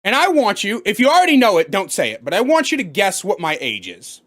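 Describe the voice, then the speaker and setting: Man, 30s, comedic storyteller, lively pitch, crude, loud bursts. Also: fairly quick. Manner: animated, swings to loud outbursts. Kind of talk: profane comedic storytime rant.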